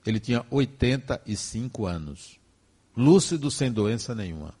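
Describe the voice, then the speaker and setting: An older man with a Brazilian Portuguese accent recounts a personal story before a spiritist audience. His voice sits at a middle pitch but rises and falls widely. He leans on slow, emphatic phrasing and lets the emotion show. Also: sing-song, dark tone. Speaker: spiritist speaker. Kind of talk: personal testimony talk.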